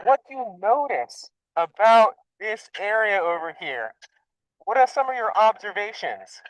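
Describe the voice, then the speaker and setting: An excited man presents live from a dive under a lake, asking his viewers questions as he goes. His voice sits somewhat high for a man. The sound is dry and close. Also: unhurried, no echo, low-quality recording. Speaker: park scuba diver.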